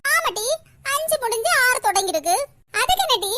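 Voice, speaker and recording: Woman doing a high shrill village mom in a cartoon, kanyakumari tamil accent, nags and scolds her daughter. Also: sing-song, moderate pace, pushed and bright, full character voice. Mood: scolding. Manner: scolding, exasperated. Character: loud scolding village mother, middle-aged woman.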